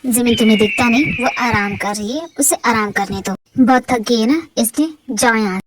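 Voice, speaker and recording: A woman's voice: on the high side, brisk, noisy background, close to an everyday voice. A woman voicing an obsessive, possessive young mafia husband in a fan-fiction audio drama, pleading one moment and lashing out the next. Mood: cold. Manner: pleading and possessive, swings to angry outbursts.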